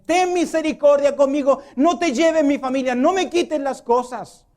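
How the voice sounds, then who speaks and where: A desperate, indebted servant pleads with his master for mercy, as a preacher acts him out mid-sermon. His voice lifts higher and strains with urgency. He begs again and again for time. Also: normal speed, darkish tone, lightly acted. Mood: pleading.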